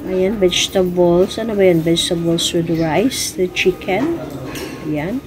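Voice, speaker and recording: A woman with a Filipino accent chats her way through a casual phone vlog. She talks slowly and keeps saying "ayan" between items. A lively indoor crowd murmurs behind her. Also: fairly low pitch, poor audio. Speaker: vlogger. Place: indoor office bazaar with crowd. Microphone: handheld phone camera. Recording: phone video with crowd chatter.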